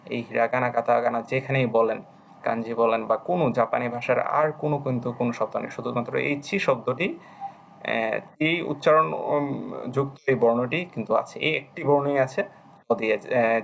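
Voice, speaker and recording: A man's voice: medium pitch, normal speed, gravelly, dull audio, slight background noise. A man teaching a language lesson on a screen recording, patiently repeating phrases as he writes out each stroke. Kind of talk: screen-recorded lesson, writing while explaining.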